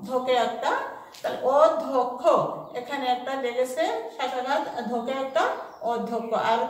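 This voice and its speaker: A woman teacher giving a pronunciation lesson, spelling words out slowly and repeating each one. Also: high-pitched. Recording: echoey room, distant mic.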